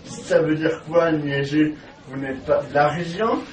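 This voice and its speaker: A man's voice: on the high side, a little slow, close to an everyday voice. A man acting a pompous, formal man who believes he is a French noble lord, speaking in a courtly way. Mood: haughty. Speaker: amateur stage actor. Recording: echoey room, far from the mic, crowd behind.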